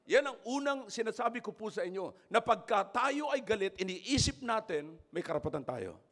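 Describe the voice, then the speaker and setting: A man with a Filipino accent preaching a sermon in church, mixing English and Tagalog, calling out to his congregation and rising to shouts. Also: sits high, very animated, moderate pace. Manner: switches between English and Tagalog, calls out to congregation; loud, dramatic preaching with shouting peaks. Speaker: pastor.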